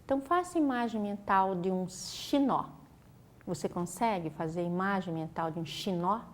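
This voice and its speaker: Woman teacher, patient and instructive, mid-pitched interview guest. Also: lively intonation, normal speed. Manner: patient, instructive, uses many fillers. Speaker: teacher explaining a literacy method. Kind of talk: explanatory studio interview.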